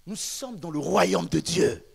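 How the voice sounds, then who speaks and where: A man from the Central African Republic, a pastor preaching a sermon in a church, speaking emphatically and rising to shouts. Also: fairly high pitch, expressive, slow pace, creaky, crowd noise. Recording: long reverb of a church hall.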